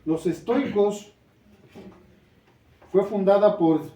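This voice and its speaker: A high-voiced male pastor delivers a sermon at an unhurried pace, earnest and building to emphatic questions. He is picked up from a distance, so the church hall rings around his voice. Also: warm tone. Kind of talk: preaching a sermon. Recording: roomy church sound from a distant mic.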